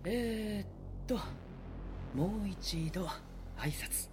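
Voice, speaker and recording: A man's voice: high voice, very slow. A man playing a courteous, eerie young man from a painting in an audio drama, with a polite, creepy welcoming manner. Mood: eerily courteous. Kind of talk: Japanese audio drama acting. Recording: distant, echoing, noisy background ambience.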